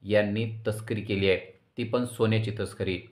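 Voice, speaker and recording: A man's voice: on the low side, steady tone, moderate pace, natural voice. A man reading out a gloating, arrogant cop. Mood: taunting. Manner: taunting, boastful. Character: arrogant, gloating corrupt male police officer. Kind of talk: recap voice-over reading dialogue.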